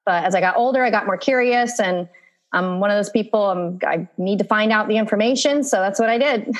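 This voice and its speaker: Brisk and mid-range, this Virginia woman chats as a podcast guest in a casual interview, sharing stories in a warm, relaxed manner with frequent laughter.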